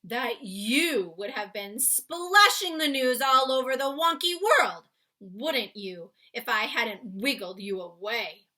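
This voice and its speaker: A woman voicing a big friendly male giant, excitable and blustering, with garbled folksy grammar, in a children's storybook reading. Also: on the high side, slow, exaggerated voice. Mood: agitated. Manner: garbled grammar, invented words, emphatic. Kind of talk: children's storybook read-aloud.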